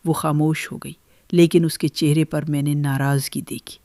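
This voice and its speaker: An older woman telling her own family story in the first person, in a measured, gentle way. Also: low-pitched, flat delivery, dry recording, clean studio sound.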